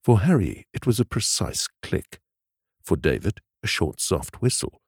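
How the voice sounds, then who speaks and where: Deep-voiced male audiobook narrator. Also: breathy edge, dry recording, studio quality. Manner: measured, expressive storytelling.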